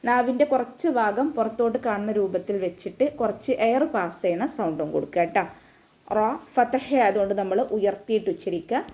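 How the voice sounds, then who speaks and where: A woman's voice: medium pitch, brisk, warm tone. A woman teaching an online recitation class, explaining pronunciation rules step by step in a patient voice.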